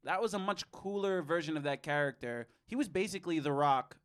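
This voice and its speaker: Bright-voiced man in casual chat. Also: on the high side, expressive, a little fast, clean tone. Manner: rambling, profane, self-interrupting. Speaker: podcast co-host.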